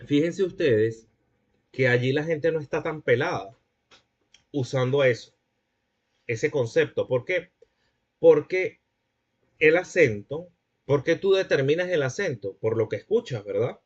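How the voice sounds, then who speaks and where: A man's voice: on the high side, expressive, measured pace, pauses often, dull audio. Man lecturing a class. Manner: explanatory, checks understanding with the class.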